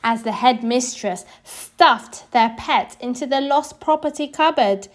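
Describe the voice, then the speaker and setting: A woman's slightly high voice carries a children's story, read aloud with deliberate, expressive storytelling.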